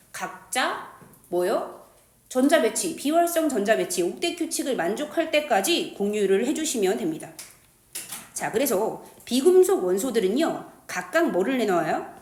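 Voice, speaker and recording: In an echoey classroom, a woman with a slightly high, slightly mellow voice gives a lively chemistry lecture. She's playful and slangy, tosses in crude jokes, and poses questions to the class that she then answers herself.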